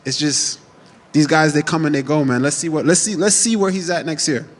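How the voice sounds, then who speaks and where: In a big-sounding room, a man in his thirties who grew up in Jamaica answers media day questions as an MMA fighter, loose, confident, and talking trash. His voice sits on the high side and his pace is brisk.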